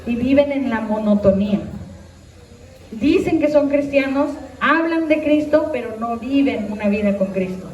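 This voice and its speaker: A woman pastor with a high voice preaches to her congregation, asking them questions and urging them to act. She sounds a little distant from the mic, and her voice rings through an echoey church hall with a faint hum of the room behind her. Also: normal speed, a little mellow, highs cut off. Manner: direct, questioning the congregation, exhorting. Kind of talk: sermon.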